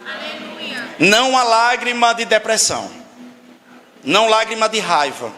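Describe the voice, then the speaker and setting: A pastor preaches with a high, bright and forceful voice, pressing his points hard and throwing rhetorical questions at the congregation. His voice carries a long reverb from a church hall. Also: very animated, a little slow. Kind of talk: sermon.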